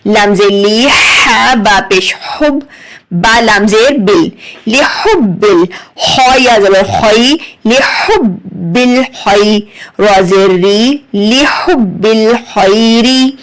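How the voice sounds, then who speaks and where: The audio is poor. A fairly high-pitched woman with an Urdu accent teaches Quran reading very slowly, naming each letter and vowel mark before joining them into words, syllable by syllable.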